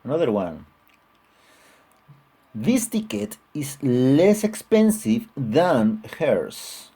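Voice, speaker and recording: Slow, husky-voiced male teacher. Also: medium pitch, big pitch swings, warm tone. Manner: patient, repeats examples, frequent "all right?" checks. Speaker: English teacher. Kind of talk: online grammar lesson.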